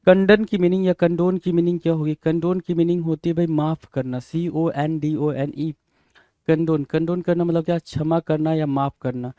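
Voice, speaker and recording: A man's slightly high, warm voice holds a steady tone at a moderate pace as he gives an exam-prep vocabulary lesson. Words are spelled out letter by letter, and he repeatedly asks "bhai?" to prompt students rhetorically. There's no room sound.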